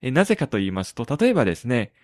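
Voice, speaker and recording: A man hosting a tech podcast in casual talk, pausing often on drawn-out fillers between phrases. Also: medium pitch, sing-song, no echo, clean studio sound. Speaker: podcast host.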